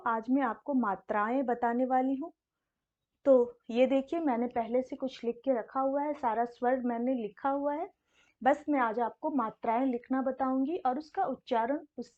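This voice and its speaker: A high-pitched woman teaches a beginner's lesson at an unhurried pace. She repeats each sound carefully, asking a question and then answering it herself. The recording is dull and lo-fi. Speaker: Hindi teacher. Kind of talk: slow explanatory lesson.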